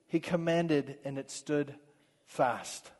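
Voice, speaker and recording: High-voiced earnest male preacher. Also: slow, big-room sound. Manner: earnest, swings between fervent and hushed. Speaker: pastor. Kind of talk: sermon.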